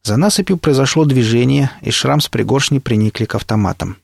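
A man narrating an adventure novel in the first person, with steady storytelling. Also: mid-range voice, brisk, vocal fry, slightly rough, dry recording, clean studio sound. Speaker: audiobook narrator. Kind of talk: audiobook reading.

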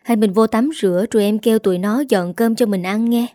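A woman's voice: mid-range voice, fairly even intonation, a little fast, mellow, no echo, studio quality, lightly acted. A woman reading a story, voicing a scheming young second wife who talks in a sweet, ingratiating way. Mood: fawning.

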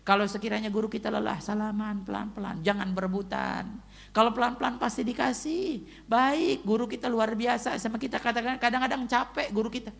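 A man's voice: high voice, a little fast, gravelly. A male preacher giving a casual, joking sermon and telling stories vividly, acting out the people in them. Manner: animated storytelling, acting out the people in the story.

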